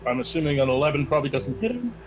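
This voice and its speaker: A man's voice: fairly high pitch, big pitch swings, very fast, rough recording. A man playing a tabletop game, chatting casually and tentatively as he thinks through his moves.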